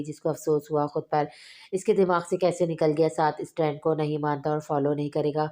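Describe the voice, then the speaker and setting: Low, flat-voiced woman narrator. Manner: steady, measured reading with small restarts. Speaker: novel reader. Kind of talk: audiobook narration.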